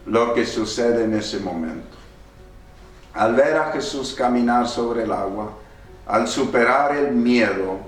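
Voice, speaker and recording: A man preaching a sermon as pastor, rising suddenly in pitch and volume at key points. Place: church. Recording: echoey church hall from far off.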